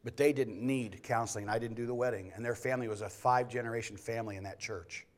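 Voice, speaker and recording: A man's voice: mid-range voice, steady tone, fast. Folksy male pastor, joking sermon. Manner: folksy storytelling, jokey asides.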